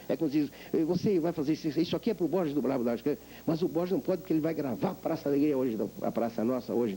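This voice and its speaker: An older man, a veteran voice actor, being interviewed and telling animated stories about his craft. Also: a little high, vocal fry, a little hiss or hum, poor audio. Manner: animated storyteller, acts out voices. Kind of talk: reflective interview talk.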